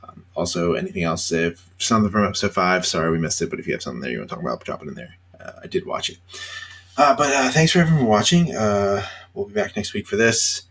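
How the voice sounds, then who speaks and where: A tired man hosting a casual solo reaction show, rambling with lots of fillers and pauses between thoughts. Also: lowish voice, expressive, a bit bright, husky. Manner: rambling, hesitant, many fillers. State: tired, yawning. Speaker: reality TV reaction host.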